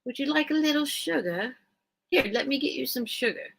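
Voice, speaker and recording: A woman's voice: high voice, animated, brisk, vocal fry, fairly bright tone, voice pushed up, full character voice. A woman doing a prim, mock-posh hostess. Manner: mock-posh, put-on accent, sing-song offering. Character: prim fancy hostess, grown woman, showily polite.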